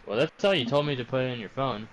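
A man's voice: mid-range voice, quick pace, rough recording. A man chatting with friends during an online game, matter-of-fact and a little defensive. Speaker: gamer on a stream. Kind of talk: casual gaming chat with friends.

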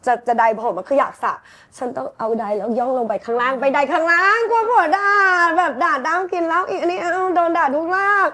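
High-voiced teasing woman host. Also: expressive, quick pace, fairly bright tone. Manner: teasing, prodding questions. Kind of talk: casual gossip chat.

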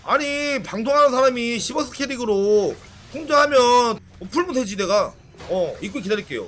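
A man streaming a game live, excitable and trash-talking, swearing and bursting into shouts during fights. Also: very high voice, moderate pace. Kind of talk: live game-play commentary.

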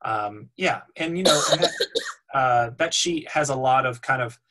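A man in his thirties who produces voiceover demos runs a teaching webinar from a room at home, talking into a webcam on a video call. His middling-pitched delivery is relaxed, explanatory and a little slow, full of ums and uhs as he thinks aloud, and the audio quality is poor.

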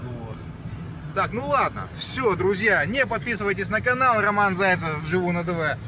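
Driving at night, a man chats to his vlog in a rambling, joking way, saying things more than once. He sounds high-pitched and very animated at a moderate pace, distant from the microphone, with the car's engine and road noise loud in the recording.

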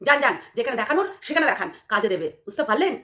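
Hoarse woman ranting at high speed. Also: big pitch swings, racing, a bit bright. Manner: scolding, sarcastic, rhetorical questions. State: hoarse from a cold. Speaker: vlogger. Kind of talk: ranting commentary to camera.

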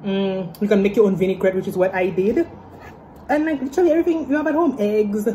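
A woman's voice: medium pitch, quick pace, dark tone. Young woman, medical student vlogger, casual and chatty, phone mic, noisy surroundings. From Saint Lucia. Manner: chatty, upbeat, says "literally" and "like" often. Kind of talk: casual vlog chat. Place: stadium, kitchen, hospital hallway and lab. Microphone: phone camera at arm's length. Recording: phone vlog with clear background noise.

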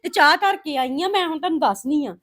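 A Punjabi-accented woman with a fairly high voice talks to her viewers as a family vlogger. She rambles casually about home life in a plaintive, homely manner, as a mother chatting with relatives would. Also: expressive, quick pace, a bit bright.

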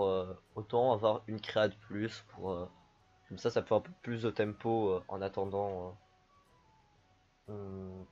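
A man with a low voice casually commentating his own card game as he plays. He rambles in an even, flat tone, dropping plenty of fillers between thoughts. The sound is a little dull and lo-fi. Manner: relaxed, rambling, many fillers. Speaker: streamer.

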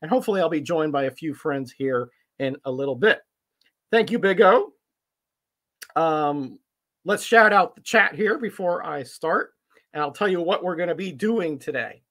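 A man's voice: fairly high pitch, moderate pace, fairly bright tone. A man casually hosting a live stream from his home collectibles room, friendly and rambling with lots of fillers. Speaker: comic collector streamer host.

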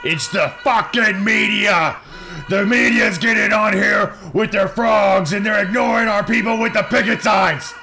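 A man's voice: sits high, fairly even intonation, a little slow, vocal fry, shouting, pitched above the performer's own voice. A man voicing a furious ranting man who bellows crude complaints at the media, over game music. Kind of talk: put-on impression rant.

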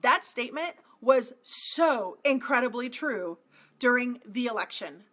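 A marketing coach in her forties gives a motivational talk straight to camera from a small home office, her voice high and bright. She's unhurried yet emphatic, repeating phrases and gesturing animatedly with her hands.

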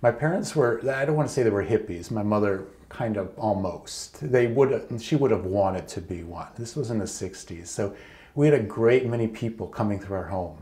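A man of about sixty from Michigan chats openly in a seated home interview, his voice sitting fairly low. The talk is relaxed, with easy fillers. The room gives it a noticeably echoey sound. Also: normal speed. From Michigan, United States. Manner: chatty, open, with casual fillers. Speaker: interview guest, channeler. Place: living room at home, indoors. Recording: roomy indoor echo.

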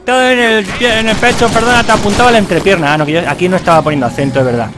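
A man's voice: high-pitched, rapid-fire, noisy background. A man from doing playful, jokey let's play commentary, clowning in character. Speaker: gaming YouTuber.

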